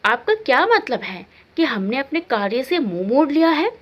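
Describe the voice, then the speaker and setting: A young daughter-in-law in a family storybook, played by a woman narrator, quick to take offence and indignant in her retorts. The voice is high with wide swings in pitch. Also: big pitch swings, lo-fi sound.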